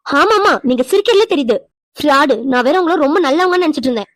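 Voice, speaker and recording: A woman voicing a fiery, fast-talking cartoon wife. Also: high-pitched, expressive, fairly bright tone, dry recording, clean studio sound. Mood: scolding. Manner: scolding, demanding. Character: fiery young wife, quick-tempered and teasable. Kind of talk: cartoon voice acting.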